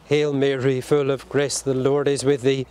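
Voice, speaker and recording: A man leading a burial service outdoors at a cemetery, reciting the prayers in a solemn, measured way. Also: medium pitch, little pitch movement, dark tone, slight background noise. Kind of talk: liturgical graveside prayer.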